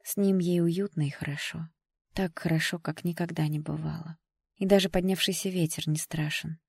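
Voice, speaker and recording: A woman reading an audiobook in an even, measured storytelling manner, close to the mic. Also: sits low, gravelly, slightly rough, dry recording. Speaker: audiobook reader. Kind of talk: scripted audiobook narration.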